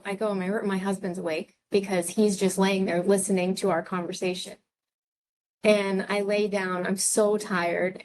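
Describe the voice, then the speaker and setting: A woman's voice: medium pitch, poor audio. A woman teaching a nursing class online, chatting expressively with her students over a video call. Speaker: nursing clinical instructor. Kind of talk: casual chat before an online class.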